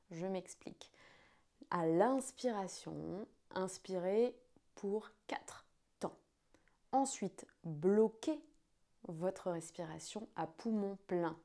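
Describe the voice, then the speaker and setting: A woman's voice: lowish voice, mellow. A woman speaking as a yoga teacher, giving an instructional explanation to students.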